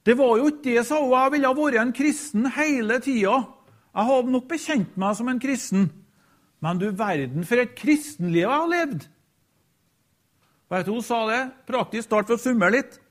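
A man preaching a sermon, retelling a story in a halting way with frequent hesitations and repeated quote tags. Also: extremely high pitch, expressive. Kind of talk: sermon with a retold deathbed story.

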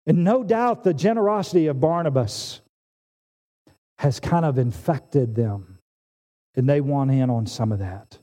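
Animated preacher in a reverberant hall. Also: male voice, medium pitch, a little slow. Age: 40s. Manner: animated and emphatic, with frequent restarts. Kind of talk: sermon.

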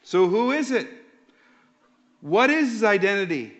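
A pastor preaching a sermon in an emphatic, slow and deliberate way. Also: male voice, high-pitched, big pitch swings. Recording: dull lo-fi sound.

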